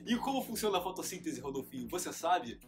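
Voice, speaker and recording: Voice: medium pitch, sing-song, fast talker, faint music behind. A teacher host giving a playful scripted lesson in the manner of a children's show presenter.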